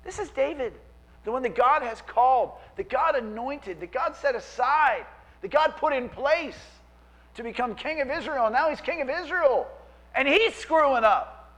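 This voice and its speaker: Dude preaching a sermon, high voice, really lively, does little voices for the people in the story. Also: male voice, moderate pace, poor audio. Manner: animated, acts out quoted voices. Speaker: pastor.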